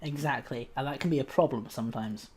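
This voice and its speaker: A man's voice: medium pitch, fast talker, darkish tone, slightly rough. A man co-hosting a casual podcast, talking in a hesitant way with lots of ums and restarts. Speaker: podcast co-host.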